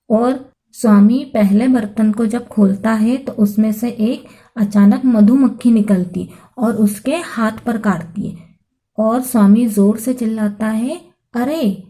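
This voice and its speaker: A woman teacher explaining a lesson, reading each phrase and then translating it slowly, often repeating herself. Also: fairly high pitch, warm tone, low-quality recording. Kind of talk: explaining a Sanskrit lesson in Hindi.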